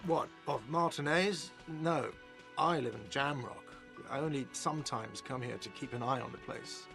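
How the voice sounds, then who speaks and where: An actor playing a whiny, irritable middle-aged cafeteria manager in a video game. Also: male voice, medium pitch, moderate pace, vocal fry, over music, lightly acted. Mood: defensive. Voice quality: whiny, defensive.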